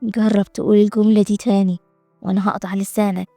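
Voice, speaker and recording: A woman's voice: mid-range voice, little pitch movement, fast talker, dark tone, no room sound, soft background music, pitched below the performer's own voice, natural voice. A woman with an Egyptian Arabic accent voicing a jealous, hot-tempered rich young man who mocks and taunts. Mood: angry. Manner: mocking, cocky.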